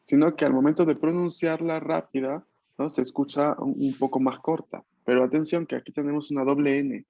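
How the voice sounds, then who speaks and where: A man teaches an online language class over a video call, explaining step by step and often checking in with the students. His voice is gravelly and mellow, and it sounds dry and slightly muffled. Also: on the high side, steady tone, brisk, no echo. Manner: patient, explanatory, many tag questions. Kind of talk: online Japanese class taught in Spanish.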